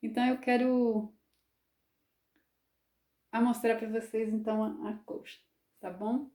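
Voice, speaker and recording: A woman's voice: fairly high pitch, little pitch movement, slow, pauses often, mellow. A woman in her fifties chatting casually to camera as a crochet vlogger, homely and full of little tag questions. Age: 50s. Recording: echoey room.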